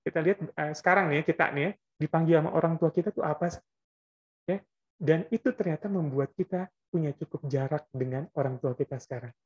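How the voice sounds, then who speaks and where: A man's voice: fairly high pitch, fairly quick, a little mellow, dull audio. A man giving an Islamic parenting lecture, explaining in a conversational way and often adding little checking tags.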